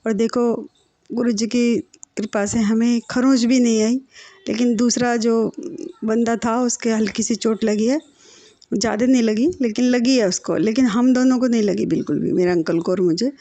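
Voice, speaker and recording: A woman from India calmly telling a devotional story of thanks to her guru. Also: on the high side, moderate pace, no echo. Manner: earnest, plain storytelling. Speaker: devotee sharing testimony. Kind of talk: devotional testimony.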